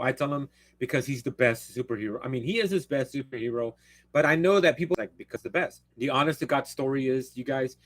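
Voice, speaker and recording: Recorded close and dry with no room sound, a Spanish-speaking man hosts a casual livestream. His mid-range voice is fairly bright, and his talk is blunt, rambling and full of self-interruptions.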